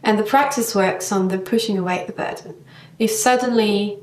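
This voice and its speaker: A woman's voice: medium pitch, normal speed, a little mellow, roomy sound, recorded from a distance. A woman yoga teacher talking in a reflective vlog monologue, thoughtful and searching for her words.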